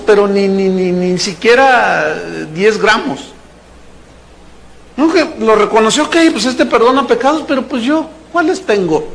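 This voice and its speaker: Male pastor, high voice, lively and playful sermon delivery with acted-out asides. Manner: animated, playful preaching, acts out characters and jokes.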